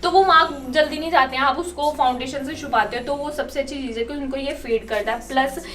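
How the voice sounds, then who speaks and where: A woman's voice: high-pitched, brisk, a bit bright, far from the mic, a little hiss or hum. A young woman hosting a casual home vlog, chatty and playful, laughing often. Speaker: vlogger host. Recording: voice a bit off-mic, faint music behind.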